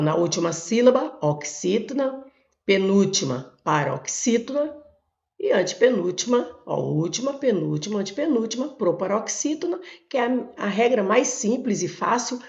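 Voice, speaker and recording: A woman's voice: mid-range voice, creaky, a little mellow. A Brazilian woman teacher working step by step through exam questions, pointing things out with frequent "ó" and "olha". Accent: Brazilian Portuguese. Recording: echoey room, dull lo-fi sound.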